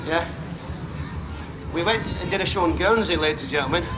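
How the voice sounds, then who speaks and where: A man's voice: fairly high pitch, fairly quick, in a large hall, music in the background. A man announcing a live outdoor stunt show to a crowd, with informal, jokey patter. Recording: outdoor PA, crowd and vehicle noise. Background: crowd, vehicles and outdoor noise.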